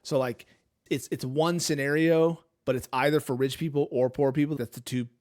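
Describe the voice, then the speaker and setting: A man's voice: on the high side, fairly even intonation, normal speed, darkish tone. A man hosting a casual movie trivia game with his brother, talking playfully and quoting lines. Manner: playful, quotes lines in put-on voices. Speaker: host. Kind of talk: casual chat, quiz hosting.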